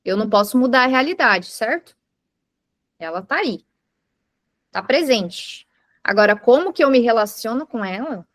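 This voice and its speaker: A woman's voice: a little high, animated, normal speed, long pauses, fairly bright tone, no echo, studio quality. Woman leading a mindfulness class. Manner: patient, explains step by step with examples; asks the group questions. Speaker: mindfulness instructor. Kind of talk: teaching a live beginners' class. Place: indoor room with a live group.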